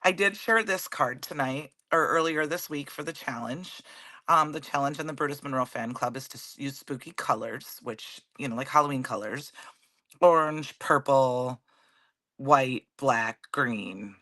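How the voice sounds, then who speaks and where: A woman with a cold and a raspy, hoarse voice, chatting casually as she hosts a live card-making demo and greets viewers by name. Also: extremely low pitch, a little slow, pushed and bright, dry recording. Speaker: card-making livestream host.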